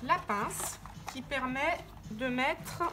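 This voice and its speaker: Speaking very slowly in a voice that sits high, a woman handles the parts while explaining a product step by step. It's a hands-on, informal tutorial for a motorcycle gear channel, with music in the background.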